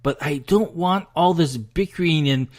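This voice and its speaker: A man's voice: fairly high pitch, normal speed. An American man hosting a solo political commentary, ranting in an emphatic, frustrated way and sounding out of breath. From United States.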